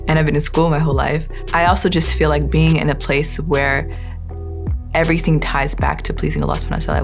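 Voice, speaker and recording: A woman's voice: low voice, creaky. A young woman from Atlanta, a first-year seminary student, giving a reflective, heartfelt testimonial. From Atlanta, Georgia. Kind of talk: personal testimonial. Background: guitar music.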